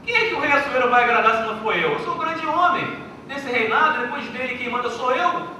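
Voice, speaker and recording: A man's voice: extremely high pitch, quick pace, sharp tone, slight background noise, heavily acted. A man voicing a boastful, scheming royal official, heard from a distance in an echoey hall. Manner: swaggering, then deflated.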